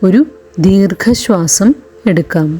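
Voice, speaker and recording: A woman with a slow, mellow, mid-range voice narrates a guided meditation over background music. She speaks gently and soothingly in short phrases separated by long pauses, with a faint hiss or hum in the recording.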